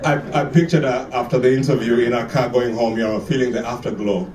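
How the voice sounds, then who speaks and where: A man's voice: medium pitch, steady tone, fast, background noise. Stand-up comic, man from Kenya, storytelling and acting out bits, echoey room, distant mic. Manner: storytelling, acts out dialogue with shifting voices. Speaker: stand-up comedian. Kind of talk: stand-up comedy set. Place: live comedy venue with audience.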